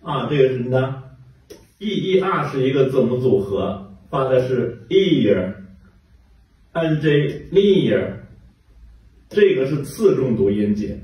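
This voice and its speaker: A man's voice: mid-range voice, expressive, normal speed, very echoey, recorded from a distance, muffled recording. A man teaching English pronunciation, patiently repeating single sounds and words for his students. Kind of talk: pronunciation lesson.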